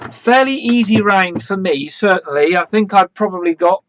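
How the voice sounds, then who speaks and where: A man hosts a quiz, working through the questions one by one at an unhurried, deliberate pace. His voice sits a little high for a man, and the sound is dry and close. He stops to spell out awkward names letter by letter. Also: expressive, no room sound. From England. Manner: slow, measured, spells out names. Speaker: quiz host. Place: church, live stream.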